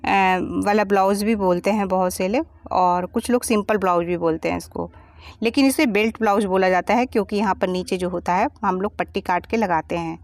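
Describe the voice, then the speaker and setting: A woman's voice: mid-range voice, fairly quick, darkish tone, dry recording. A woman giving a step-by-step sewing tutorial as a voice-over, patiently explaining each measurement and cut. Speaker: sewing teacher.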